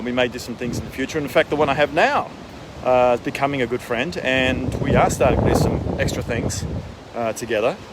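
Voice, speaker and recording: Guy doing a chatty coaching vlog outside, mid pitch, really windy mic w boat and water noise. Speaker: wellness coach for executives. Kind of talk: casual spoken advice vlog.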